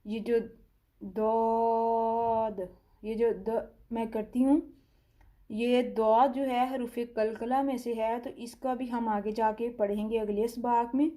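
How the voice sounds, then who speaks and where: Soft, low-key Pakistani Urdu woman teaching. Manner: draws out letter sounds slowly, then explains calmly. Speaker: Quran recitation teacher. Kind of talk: slow step-by-step tajweed lesson.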